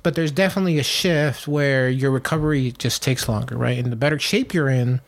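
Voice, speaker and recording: A man in his late thirties co-hosts a casual podcast, speaking a little fast at medium pitch. He rambles along with lots of fillers and restarts.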